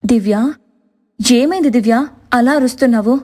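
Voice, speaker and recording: A woman voicing a gentle, patient young daughter-in-law in a cartoon story, speaking softly and meekly. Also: fairly high pitch, normal speed, lightly acted. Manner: soft, meek, pleading.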